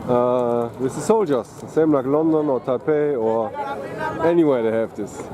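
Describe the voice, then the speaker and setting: A man chatting casually as a travel vlogger, rambling and hesitant with many pauses. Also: medium pitch, a crowd in the background. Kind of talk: casual travel vlog commentary. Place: outdoors in a busy city. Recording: noisy outdoor city recording. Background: street noise and traffic.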